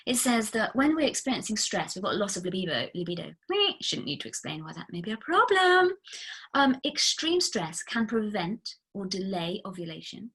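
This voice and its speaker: A woman's voice: medium pitch, very animated, moderate pace, fairly bright tone, husky. A woman fertility coach giving a casual recorded masterclass, chatty and emphatic, with blunt, candid asides. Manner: chatty and emphatic, frequent "like" fillers.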